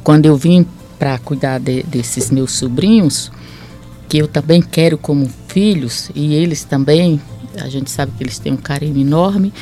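A woman from Sergipe recalling her teenage years in an interview, plain and thoughtful, slowing on key words. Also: low-pitched, warm tone. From Sergipe, Brazil. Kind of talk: reminiscing interview answers. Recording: faint music underneath.

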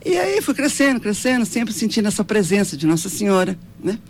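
Gravelly-voiced Brazilian woman in her seventies. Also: medium pitch, very animated, fairly quick, darkish tone. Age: 70s. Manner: earnest, devout storytelling, frequent tag questions. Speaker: interviewee. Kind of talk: personal life story.

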